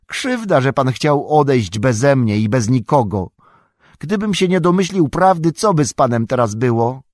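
A man voicing a loyal young male hobbit servant in an audiobook, high-pitched, frantic and pleading. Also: sing-song, moderate pace, dry recording, clean studio sound. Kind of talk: audiobook character voice.

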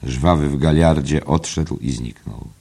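Very deep-voiced male narrator. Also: unhurried, vocal fry, mellow, slightly rough. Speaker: audiobook narrator. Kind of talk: scripted literary narration.

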